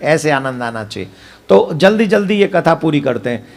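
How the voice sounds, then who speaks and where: A man's voice: fairly high pitch, very animated, normal speed, creaky. A man preaching a devotional katha sermon, emphatic and full of rhetorical questions to the audience.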